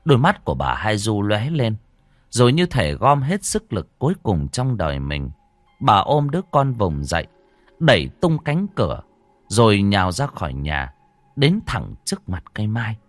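A man narrating a horror story in a dramatic, expressive storytelling manner. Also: on the low side, moderate pace, dry recording. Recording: dry close voice over faint music.

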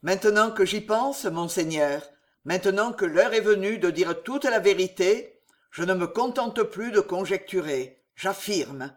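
A man's voice: sits high, expressive, unhurried. A man voicing a scheming young nobleman who mocks his elder brother with false deference, in a storybook reading. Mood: insinuating. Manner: mocking, hissing, falsely deferential.

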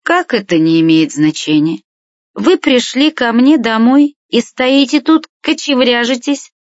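A woman voicing a tipsy, aggressive, dark-haired middle-aged woman who talks rudely, in a dry, dull audiobook recording. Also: on the high side, expressive, measured pace, no room sound, voice pushed up. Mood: hostile. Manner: rude, hostile, shouting.

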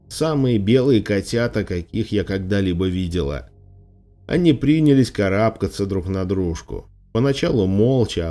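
A man narrating an audiobook in a measured, even storytelling manner. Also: on the low side. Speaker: audiobook reader. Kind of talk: scripted narration.

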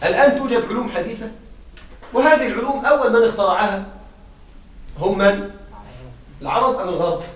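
A high-voiced male teacher explains a grammar lesson to a class, pausing to quiz his students and repeating himself as he goes. His voice is picked up from across the room. The classroom echo is strong. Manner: questioning students, repeats and restarts. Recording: roomy classroom sound from far off.

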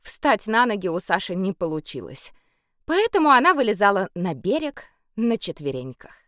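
A woman reading a children's story aloud with playful, expressive narration. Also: mid-range voice, normal speed, no room sound, clean studio sound. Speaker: audiobook reader.

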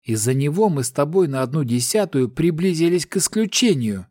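Male reader doing a haughty young woman, dismissive, slightly high voice. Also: animated, brisk, a little mellow, no echo, studio quality. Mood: scornful. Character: haughty young woman, scornful and sharp-tongued.

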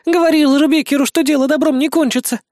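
A frightened young woman pleads in a high, tearful voice, played by the reader of an audiobook. Her lines climb well above the narration, lively and shaky. It is heard close to the mic in a dry space. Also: slow, husky, dry recording, heavily acted. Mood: terrified, pleading.

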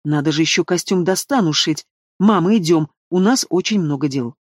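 A man voicing an excited young dragoness princess, breathless and gushing. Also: on the high side, normal speed, no room sound, studio quality, lightly acted. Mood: gleeful.

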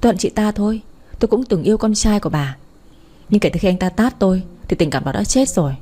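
Storybook figure: bitter, hysterical young woman, voiced by a woman reader, breathy tone. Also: mid-range voice, expressive, fast talker, mellow, natural voice. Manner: screaming accusations, bitter.

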